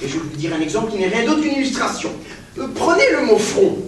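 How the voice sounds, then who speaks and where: A man's voice: extremely high pitch, sing-song, fast, slight background noise. A male stage actor playing a pedantic, grandiose professor who lectures in a declamatory way and keeps addressing his pupil as "mademoiselle". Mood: pompous lecturing. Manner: declamatory, insistently repeats "mademoiselle". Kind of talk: stage play performance. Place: theater stage. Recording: echoey stage captured from far off.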